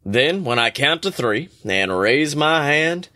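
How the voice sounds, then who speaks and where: A man's voice: a little high, sing-song, slow, sharp tone, heavily acted. Man doing Rebus, a dry stern bartender. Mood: officiating. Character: stern male bartender running a contest.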